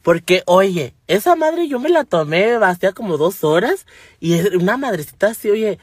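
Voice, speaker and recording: A man's voice: high voice, sing-song, normal speed, breathy edge, no echo, studio quality, full character voice. A man playing a brash, foul-mouthed woman with a Mexican accent, telling stories in a salty, gossipy comic monologue. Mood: cheeky gossip. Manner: salty, gossipy, rambling storytelling.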